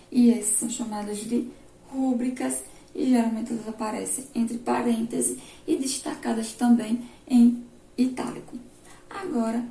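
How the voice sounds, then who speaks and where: Slow-spoken woman teacher, echoey room. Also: a little high, gravelly, dark tone. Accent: Brazilian Portuguese. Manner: slow, explaining step by step and asking the class questions. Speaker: primary school teacher. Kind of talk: remote classroom lesson. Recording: echoey room, distant mic, faint noise.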